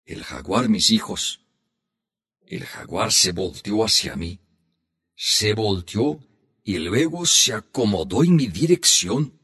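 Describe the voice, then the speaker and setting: A man reading the part of an old grandfather telling his grandchildren a hunting tale, in a slow, heartfelt storybook manner. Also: mid-range voice, a bit bright, breathy edge, heavily acted.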